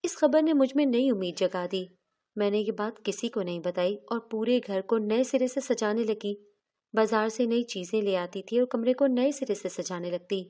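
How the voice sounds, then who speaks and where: A woman's voice: fairly high pitch, warm tone. A woman narrating a first-person moral story in an earnest, confessional storytelling manner.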